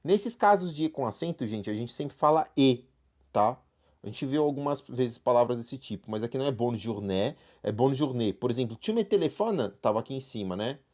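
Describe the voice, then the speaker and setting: A man's voice: mid-range voice, fast, darkish tone. Man explaining French in Brazilian Portuguese. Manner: explanatory, frequent "né?" and "tá?" tags. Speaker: French teacher. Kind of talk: online class walkthrough.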